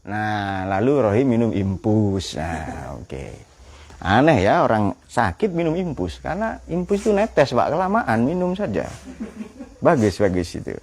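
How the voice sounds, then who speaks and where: A man's voice: fairly low pitch, a little slow. A man giving a Quran exegesis lecture, quizzing his audience with questions and telling jokes. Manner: lively, joking storyteller.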